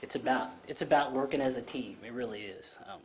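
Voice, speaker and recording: A man in his thirties addresses a council meeting's public comment from the podium mic in the council chamber. His low voice is earnest and a little fast, full of ums and restarts, and a bit of hiss or hum runs under the recording.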